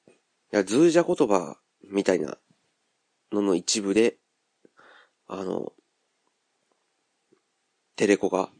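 A Kansai man hosts a solo podcast in a low, gravelly voice. His pitch swings widely as he muses aloud, circling back with fillers. The sound is dry and close, with no room around it. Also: a little mellow, no echo. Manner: rambling and musing, thinks aloud with many fillers. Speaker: podcast host. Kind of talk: casual solo monologue.

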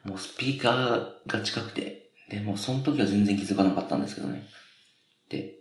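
A man's voice: on the low side, fast talker. A man hosting his own radio podcast, talking casually in a rambling way, often stopping to correct himself. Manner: rambling, self-correcting, chatty. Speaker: podcast host. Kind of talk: casual solo radio talk. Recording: roomy echo.

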